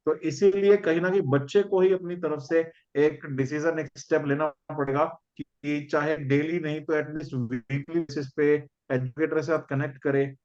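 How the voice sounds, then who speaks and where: A man's voice: on the high side, steady tone, moderate pace, few pauses, darkish tone, muffled recording. A man, an educator who emphatically advises students and addresses them directly. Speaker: educator and co-host. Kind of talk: teacher's advice to students.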